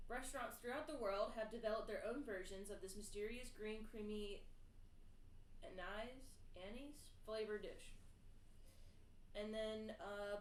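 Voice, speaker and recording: A woman's voice: fairly high pitch, reverberant, a little hiss or hum. A woman co-hosting a casual podcast, reading fun facts aloud and stumbling over names.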